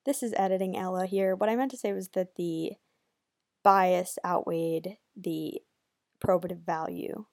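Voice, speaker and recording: A woman talking through a casual recap with a smooth, clear voice. She rambles, stops to correct herself, and tosses in quick asides. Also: fairly low pitch, steady tone, a little mellow. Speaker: podcast co-host.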